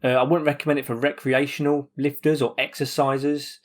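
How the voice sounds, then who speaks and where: British guy co-hosting a podcast, casual chat, average male pitch. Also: level tone, a little fast. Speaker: podcast co-host. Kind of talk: casual chat about sports recovery.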